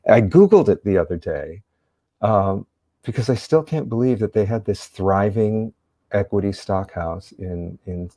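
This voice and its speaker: Warm and fairly low-pitched, this older man's voice moves at a measured pace in a dry recording. He's a theater actor from San Diego, United States, guesting in a relaxed interview where he wanders reflectively through stories.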